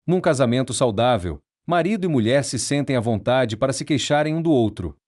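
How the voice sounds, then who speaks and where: Male narrator, measured nonfiction audiobook read, medium pitch. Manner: measured, steady, explanatory.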